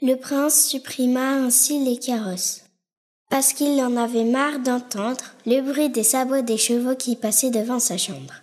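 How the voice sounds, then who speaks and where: A woman narrating a children's story with slow, careful reading. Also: on the high side, a little mellow. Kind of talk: storybook narration over music. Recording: music playing behind.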